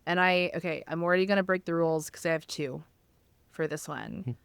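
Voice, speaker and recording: Smooth, lowish woman producer chatting. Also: a bit bright, no room sound. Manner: chatty, quick to laugh, builds arguments fast. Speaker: podcast producer. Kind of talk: casual chat.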